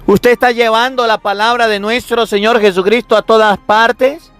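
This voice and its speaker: Emphatic high-voiced priest preaching. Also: male voice, steady tone, normal speed, fairly bright tone, clean tone, dry recording, faint music behind. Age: 30s. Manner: emphatic, repetitive preaching with rhetorical questions. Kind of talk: sermon.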